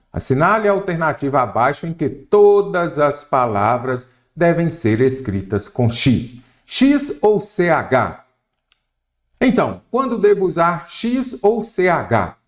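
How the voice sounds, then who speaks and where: A man's voice: fairly low pitch, a little mellow. Man teaching grammar with rhetorical questions. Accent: Brazilian Portuguese. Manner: didactic, asks and answers his own questions. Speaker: exam prep teacher.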